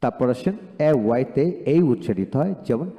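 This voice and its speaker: A man's voice: mid-range voice, big pitch swings, brisk, vocal fry, mellow. A man teaching English pronunciation, saying each word twice and then explaining how it is spelled. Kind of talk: pronunciation drill lesson. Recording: long hall reverb.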